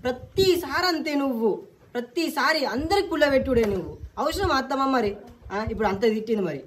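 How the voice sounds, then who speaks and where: High-voiced woman scolding in an echoey room. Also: expressive, fast, slight background noise. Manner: scolding, whiny, repeats herself. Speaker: daughter-in-law. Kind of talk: village comedy sketch acting. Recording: echoey room, mic far off, faint music.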